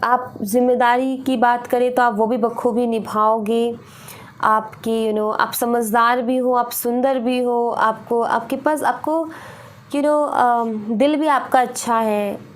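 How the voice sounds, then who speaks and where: A woman giving a tarot reading, earnest and repetitive, often slipping in "you know". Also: a little high. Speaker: tarot reader.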